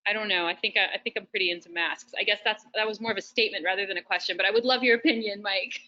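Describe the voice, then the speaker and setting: Woman host, bright tone, loose casual chat over a muffled line. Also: mid-range voice, fast. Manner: casual, frequent fillers and restarts. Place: shared roasting facility.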